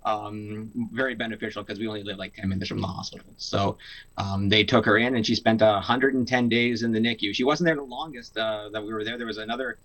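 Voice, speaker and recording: A man's voice: lowish voice, steady tone, fast, a bit bright, low-quality recording. A young man from Canada, telling a personal story in a casual interview, earnest, with many fillers and restarts. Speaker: guest.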